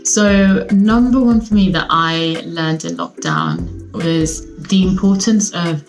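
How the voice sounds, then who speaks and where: A young Swedish vlogger sits at home and chats straight to camera in a relaxed, upbeat way, rambling loosely with lots of fillers. Her voice is a little low for a woman, and she speaks slowly. The audio quality is poor, with faint music playing underneath.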